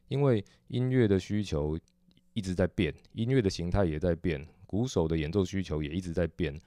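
A man with a Taiwanese Mandarin accent teaching drumming technique, explaining patiently and methodically with frequent soft "oh" fillers. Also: low voice, dry recording, studio quality. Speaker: drum teacher. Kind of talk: instructional explanation.

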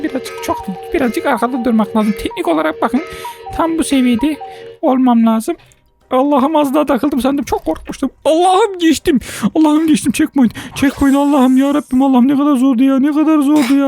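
A woman hosting a gaming video, giving excitable let's-play commentary, exclaiming often and talking straight to her viewers. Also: sits high, vocal fry.

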